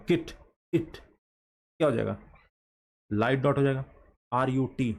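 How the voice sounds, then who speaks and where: A man teaching a shorthand lesson in a classroom style, asking questions and answering them himself, repeating words slowly for emphasis. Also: mid-range voice, darkish tone.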